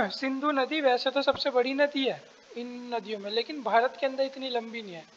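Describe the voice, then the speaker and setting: Throat-clearing man teaching exam prep. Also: extremely high pitch, steady tone, normal speed, a bit bright, in a large hall, muffled recording, a little hiss or hum. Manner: explains step by step, asks and answers his own questions; clears his throat often.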